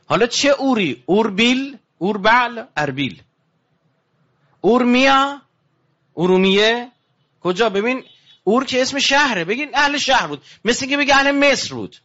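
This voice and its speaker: Guy preaching a religious lecture, highish voice, muffled lo-fi sound. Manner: animated, rising emphasis, then low and hushed. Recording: dull lo-fi recording.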